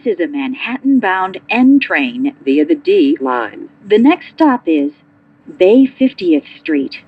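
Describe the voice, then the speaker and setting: A woman's voice: lowish voice, big pitch swings, slow, a little hiss or hum. A woman reading formulaic, clipped train announcements over a muffled subway speaker.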